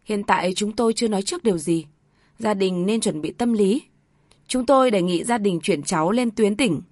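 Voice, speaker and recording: A woman reading aloud voices a hospital doctor who speaks briskly and gravely. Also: medium pitch, darkish tone, dry recording, studio quality, close to an everyday voice. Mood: grave matter-of-fact.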